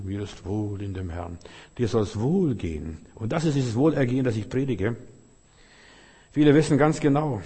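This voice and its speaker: A man's voice: medium pitch, dark tone, slightly rough. An older man preaching a sermon as a pastor, emphatic and repetitive, speaking straight to each listener. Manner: emphatic, repeats key phrases, addresses listener directly. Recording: long hall reverb.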